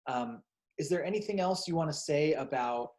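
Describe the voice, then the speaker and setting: A man's voice: fairly high pitch, moderate pace, darkish tone. A man hosting a casual show who chats with his guest and thanks him in an upbeat, encouraging way. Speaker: show host. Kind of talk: casual interview chat.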